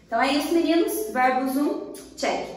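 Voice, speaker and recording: A woman's voice: high voice, normal speed. A woman with a Brazilian Portuguese accent teaching a grammar lesson, who keeps checking in with the class as she explains. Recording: very echoey room, far from the mic.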